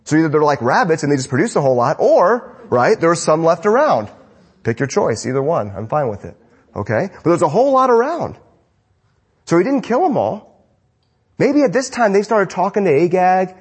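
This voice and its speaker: A male pastor delivers a sermon in a lively, conversational manner. His voice is husky and sits a little high for a man, and his pitch rises and falls widely as he makes his points. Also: normal speed. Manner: animated, conversational preaching.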